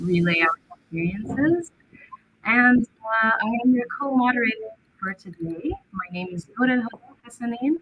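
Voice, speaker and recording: A young woman from Egypt moderates an online panel. Her voice is bright and a little husky, and she sounds upbeat and welcoming. She uses a few fillers as she goes. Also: mid-range voice, low-quality recording.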